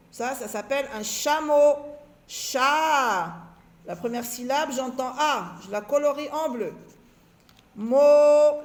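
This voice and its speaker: A woman's voice: high-pitched, a little mellow. A woman teacher patiently walking young children through a reading exercise, repeating and stretching out words syllable by syllable. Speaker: primary school teacher. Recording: echoey room.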